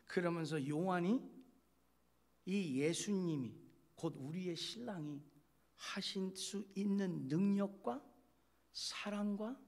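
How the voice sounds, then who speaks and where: A man's voice: high voice, takes it slowly, long pauses, a little mellow. A male pastor giving a chatty, joking sermon, speaking straight to his listeners and acting out little quoted scenes.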